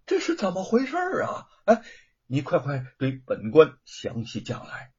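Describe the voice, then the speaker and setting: A man's voice: on the high side, wildly swooping pitch, normal speed, darkish tone, slightly rough, muffled recording, full character voice. A male storyteller voicing a timid middle-aged official who stammers and exclaims in alarm. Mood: flustered.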